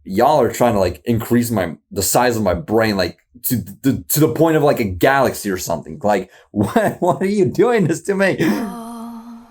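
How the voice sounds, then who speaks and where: A man in casual reaction commentary, rambling and slangy, excitable and poking fun at himself. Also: medium pitch, normal speed, hardly any pauses, breathy edge. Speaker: YouTube reactor.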